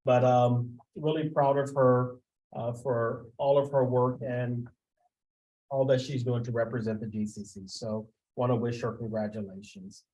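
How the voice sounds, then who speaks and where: Halting man giving a board report. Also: mid-range voice, flat delivery, mellow, dull audio. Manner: halting, with frequent filler sounds. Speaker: school administrator giving a report. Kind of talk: formal board meeting report.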